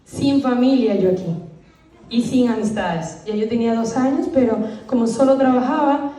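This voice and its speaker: A woman's voice: a little high, normal speed, mellow. A woman giving an earnest, emotional personal testimony to a church congregation. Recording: echoey room, voice from far off.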